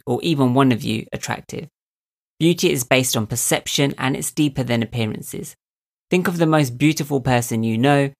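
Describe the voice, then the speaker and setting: A man's voice, nasal and a touch squeaky, sitting at an ordinary middle pitch. He talks through a reflective self-help monologue as a podcast host. He is calm and thoughtful, and he turns to the listener with easy rhetorical questions. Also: vocal fry.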